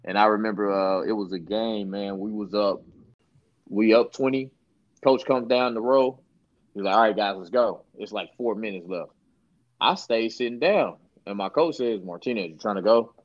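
A young man, a basketball trainer, telling a story in a relaxed and slangy way as a podcast guest. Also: on the low side, moderate pace, no room sound. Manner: laid-back, slangy, laughs while telling stories. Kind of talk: casual storytelling interview. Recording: dull lo-fi sound.

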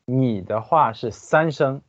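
Very slow, careful man teaching pronunciation. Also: mid-range voice, no echo, muffled recording. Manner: slow, deliberate, careful explanations. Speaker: language teacher guest. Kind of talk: translating and explaining pronunciation.

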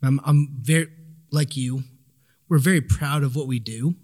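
A man's voice: mid-range voice, normal speed, a little mellow. A man speaking as a podcast guest in casual chat, easygoing and frank. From Oklahoma.

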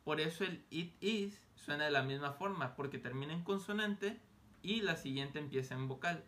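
Man teaching English, slightly high. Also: a bit bright, a little hiss or hum. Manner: patient, repeats example phrases slowly and clearly. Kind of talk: language lesson.

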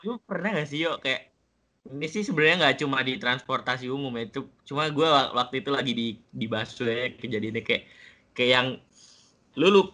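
A man chatting casually, excitable and full of trailing fillers. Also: medium pitch. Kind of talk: casual chat.

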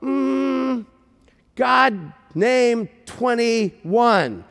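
A man voicing an earnest, friendly stranger who speaks broken English in a halting, slow, emphatic way. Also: high-pitched, very animated, exaggerated voice. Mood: insistent. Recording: long reverb in a church hall.

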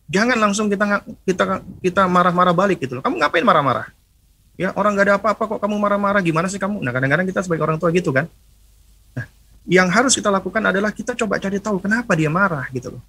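Male preacher, middle-aged, bright husky voice, religious parenting lecture, asks and answers his own questions. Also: fairly high pitch. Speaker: Islamic preacher.

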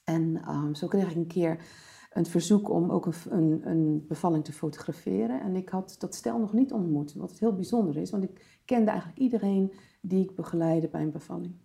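Casting: lower-pitched woman with a gravelly edge, former nurse turned birth photographer, chatty interview storyteller. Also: normal speed, warm tone. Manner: vivid anecdotal storytelling with frequent fillers and English terms.

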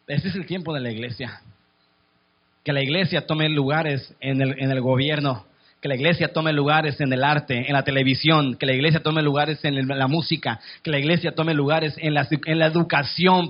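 A man's voice: fairly high pitch, muffled recording. A male pastor with a Mexican accent, preaching a sermon in a church in a chatty style that keeps checking in with the congregation. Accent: Mexican Spanish. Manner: conversational preaching, asks "¿me explico?".

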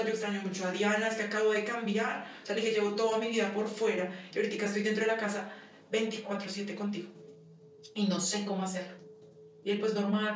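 A young woman telling personal stories in a casual interview, acting out dialogue and laughing often. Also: medium pitch. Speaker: guest. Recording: echoey room from far off, some noise.

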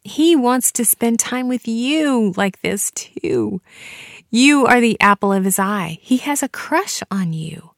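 A woman hosting a solo devotional podcast, talking in a heartfelt, earnest way with soft laughs. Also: fairly high pitch, animated, slow, gravelly, no echo, clean studio sound. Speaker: podcast host.

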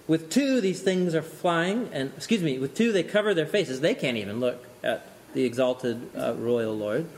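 A man teaching an informal lecture on scripture, animated and often chuckling, thinking aloud with restarts. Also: a little high, a little hiss or hum. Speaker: Bible teacher.

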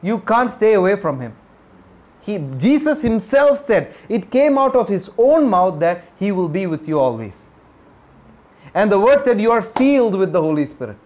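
A man's voice: high voice, sing-song, moderate pace, a little mellow. A man preaching a sermon as a pastor, emphatic and repetitive, reading scripture aloud and asking the congregation questions. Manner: emphatic, repeats key phrases, reads scripture aloud.

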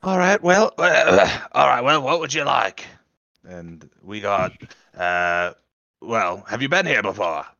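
A man voicing a gruff male lizard-folk tavern server, eager and hospitable, over slightly muffled call audio. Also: fairly low pitch, big pitch swings, takes it slowly, sharp tone, dry recording, heavily acted. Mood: welcoming.

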